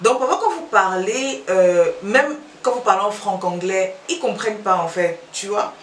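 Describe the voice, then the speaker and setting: Speaking at a normal speed with a medium pitch, this woman from Cameroon talks informally to camera as a YouTuber, often repeating herself and trailing off. Her French is Cameroonian with a Belgian tinge. Recorded from a distant mic in an echoey room, with a little hiss or hum.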